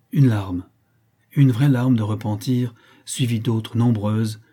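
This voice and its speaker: A man narrating a classic novel as an audiobook, in a measured, expressive storytelling manner. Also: on the low side, husky.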